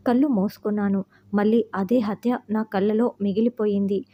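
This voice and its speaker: Mellow woman reading a heartfelt story. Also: mid-range voice. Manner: calm, steady reading. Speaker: narrator. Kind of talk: scripted first-person story narration.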